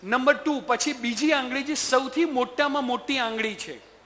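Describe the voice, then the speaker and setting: A man with a very high voice addresses a roomful of students as a motivational trainer. His tone is bright and forceful, and he keeps pressing the audience for a yes or no. The sound carries a long reverb from the hall. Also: moderate pace. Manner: rhetorical, keeps asking the audience to agree.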